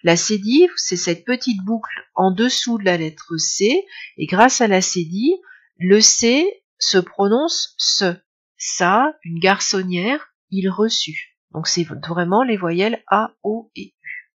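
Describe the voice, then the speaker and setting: A woman's voice: medium pitch, expressive, takes it slowly. A French-accented woman teaching a recorded spelling lesson, explaining step by step with fillers and small self-corrections. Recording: slightly dull, lo-fi sound.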